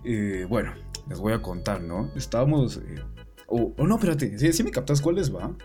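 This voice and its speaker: A man's voice: mid-range voice, big pitch swings, moderate pace, mellow, soft background music. A man, co-hosting a podcast and telling stories in casual chat, rambling and swearing a lot. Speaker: podcast co-host.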